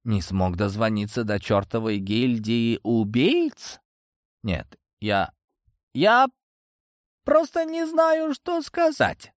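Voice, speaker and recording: A man playing an older crime boss, furious, roaring, very lively pitch, dry close sound. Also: takes it slowly, dry recording. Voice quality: roaring shouts. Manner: swings from low menacing drawl to high furious yells. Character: older male crime boss, wrathful, blustering.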